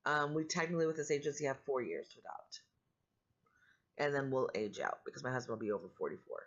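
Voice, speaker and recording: A middle-aged woman vlogging casually in a candid, rambling, matter-of-fact way, her voice growly and roughened by allergies. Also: extremely low pitch, fast, dull audio. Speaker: vlogger and foster parent. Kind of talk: casual personal vlog talk.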